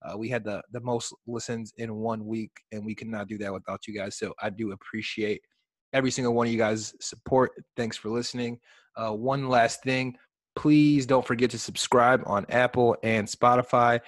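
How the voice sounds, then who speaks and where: A man's voice: mid-range voice, fairly even intonation, normal speed, dry recording. Young male co-host, Chicago accent, easygoing and profane, dry close recording. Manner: loose, swears casually, many fillers. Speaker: podcast co-host. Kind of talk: casual chat.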